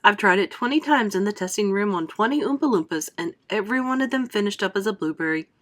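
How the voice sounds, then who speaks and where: A woman's voice: medium pitch, expressive, quick pace, fairly bright tone, close to an everyday voice. A woman reading aloud, voicing an eccentric male candy maker who sighs and speaks in a rueful, matter-of-fact way.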